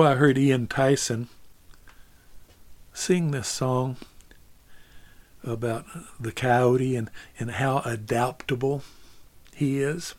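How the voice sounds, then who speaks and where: A man telling a story in an unhurried, easygoing way, often repeating words as he gathers his thoughts. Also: medium pitch, darkish tone. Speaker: storyteller and singer.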